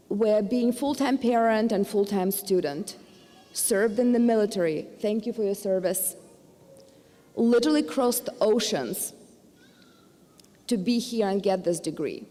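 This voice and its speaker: Speaking for a university board, a middle-aged woman with a Ukrainian accent gives a formal commencement speech in an earnest, mellow voice of middling pitch. She occasionally stumbles into fillers and restarts, and a large hall lends her words a long reverb.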